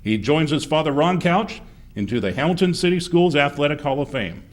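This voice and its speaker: A man's voice: fairly high pitch, animated, brisk. A man, acting as master of ceremonies and reading a formal introduction. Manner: formal, reads with asides.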